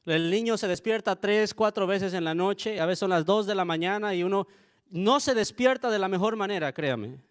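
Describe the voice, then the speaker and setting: A man's voice: high-pitched, moderate pace, smooth. A young adult man, a pastor, preaching a sermon in an earnest, conversational way, often turning to his listeners with asides.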